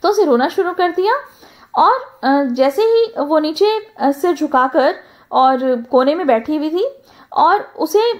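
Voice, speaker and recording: A woman with a high voice reads a story aloud like a teacher. She gives each English line slowly, then retells it in Hindi with many small hesitations. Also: a little mellow. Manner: frequent hesitation fillers. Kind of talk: reading a story aloud and explaining it.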